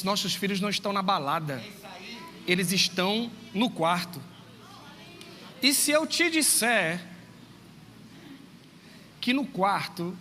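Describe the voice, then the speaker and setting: A man, a teacher, giving a church talk to parents in a lively storytelling way, acting out dialogue and speaking straight to his listeners. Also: high-pitched. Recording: long reverb, faint background noise.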